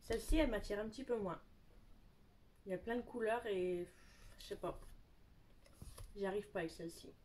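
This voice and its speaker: A young woman chats casually as a beauty vlogger, gushing and repeating words for emphasis. Her voice sits at an ordinary middle pitch. The home recording carries a clear layer of noise and scattered clicks. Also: a little fast, pauses often, a little mellow. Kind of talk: casual show-and-tell chat.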